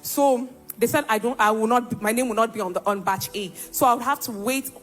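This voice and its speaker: A woman's voice: a little high, fairly quick, a bit bright, faint music behind. A young woman giving an emphatic church testimony and acting out the dialogue as she tells her story.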